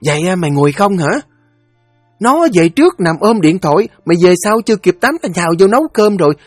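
A woman's voice: on the low side, animated, fairly quick, no room sound, soft background music, voice pushed up. A man voicing a fierce unmarried older sister, berating harshly. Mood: furious.

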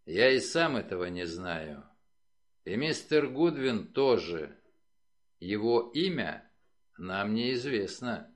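A man doing a gruff, low-voiced aloof detective. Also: very animated, slow. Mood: grave. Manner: low, clipped, grave.

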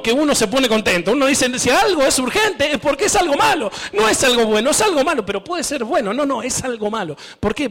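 A man's voice: high-pitched, a bit bright, in a large hall. A man with an Argentine accent preaching a personal testimony, telling his story with self-mocking laughs and acting out the voices of others. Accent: Argentine Spanish. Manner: storytelling, laughing at himself, quoting others in raised voice. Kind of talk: sermon testimony.

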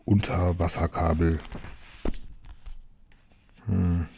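A man reading a children's story aloud in a gentle way, adding small asides to the listener. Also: low-pitched, little pitch movement, drawn-out words, vocal fry, slight background noise. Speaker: reader of a children's book.

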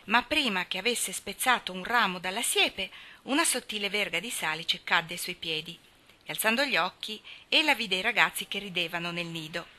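Bright-voiced Italian woman reading aloud. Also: medium pitch, moderate pace. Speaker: audiobook reader. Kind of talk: reading a classic novel aloud.

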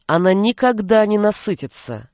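A woman's voice: medium pitch, lively intonation, normal speed, a little mellow, dry recording, close to an everyday voice. A woman reading an audiobook, voicing a stern old man, a grandfather and sorcerer, with a dry, commanding manner. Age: older.

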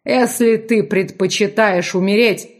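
A woman voicing a cruel, menacing middle-aged nobleman who mocks and threatens slowly. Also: medium pitch, steady tone, voice pushed up, lightly acted. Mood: mocking. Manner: slow, mocking, growled commands.

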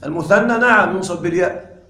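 A man with a high-pitched voice lectures a class on grammar, checking in with his students again and again and hammering each point home. The room adds a clear echo around him. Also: bright, forceful tone. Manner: quizzes the class with frequent questions; repeats key points deliberately. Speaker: grammar teacher.

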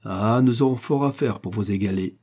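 A man's voice: lowish voice, moderate pace, warm tone, natural voice. A man voicing a gracious male emperor with a courtly manner.

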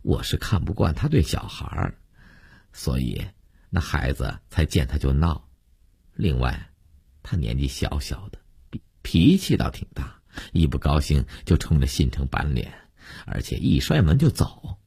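A man voicing a resentful, sharp-tongued middle-aged female nanny who grumbles indignantly. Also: extremely low pitch, lively intonation, a little slow, creaky, slightly rough, full character voice.

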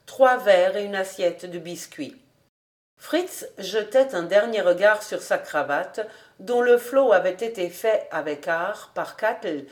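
Slow, measured French woman reading aloud. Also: medium pitch, darkish tone. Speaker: audiobook reader. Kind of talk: audiobook narration of a classic novel.

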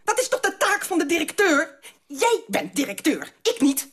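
A woman's voice: very high-pitched, sing-song, moderate pace, a bit bright, full character voice. An actress playing an indignant, pushy female department head who demands answers from her boss in a radio drama.

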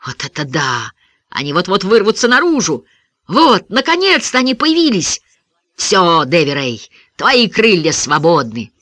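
A man voicing an excited young boy who shouts eagerly to his friends, in a storybook reading with a dry, close sound. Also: sits high, a little slow, no echo, full character voice. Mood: excited shouting.

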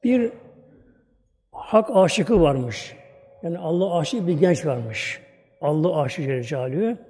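A man's voice: on the high side, lively intonation, slow pace, warm tone, faint music behind. A male preacher delivering a sermon, telling a story dramatically and repeating phrases for emphasis. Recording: long hall reverb.

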